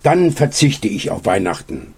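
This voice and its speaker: A man voicing a grumbling bear with a sweet tooth in a read-aloud animal story, in a husky voice. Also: on the low side, sing-song, unhurried, heavily acted. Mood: demanding. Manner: grumbling, demanding.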